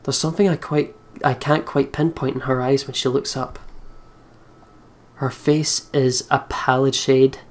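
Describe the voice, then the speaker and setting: This let's play host reads visual novel narration aloud with expressive storytelling flair. His voice sits at a medium pitch, and he keeps a measured pace.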